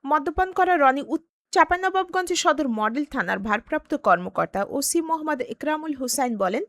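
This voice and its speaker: A woman's voice: sits high, expressive, fairly quick, a bit bright, no echo. A woman with a Bangladeshi accent reading a scripted news report as a reporter.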